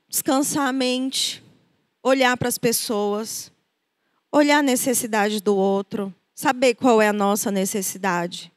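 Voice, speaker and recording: A woman's voice: a little high, no echo, studio quality. A woman with a Brazilian Portuguese accent preaching a conversational sermon, acting out quoted voices as she goes. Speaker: preacher and therapist.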